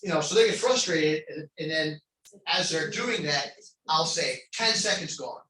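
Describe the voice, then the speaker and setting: This time the man teaching crisis intervention has a voice on the high side and a moderate pace. He rambles through the classroom lecture with plenty of fillers, recorded on a distant mic in an echoey room with faint background noise.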